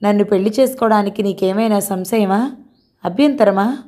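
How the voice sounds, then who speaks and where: A woman voicing an earnest young man who gently pleads and reassures his bride, in a mellow voice. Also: mid-range voice, moderate pace, close to an everyday voice. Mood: tender.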